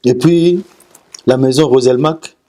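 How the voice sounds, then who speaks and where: A man's voice: mid-range voice, dark tone. A man, a singer interviewed as a guest, talking casually and sending greetings, often stumbling over repeated syllables. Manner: halting, repeats syllables and restarts.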